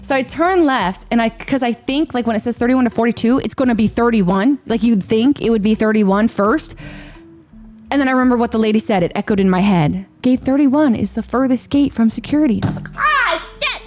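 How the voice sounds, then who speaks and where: Animated young woman telling a story. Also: fairly quick, soft background music. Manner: animated, acts out her own lines with sudden high-pitched bursts. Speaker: streamer. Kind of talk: casual storytelling.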